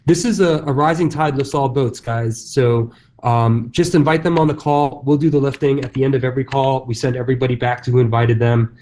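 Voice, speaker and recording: A real estate agent speaks briskly at a conference session in a dark, mid-range voice. His stage talk is casual and loose, full of fillers and restarts.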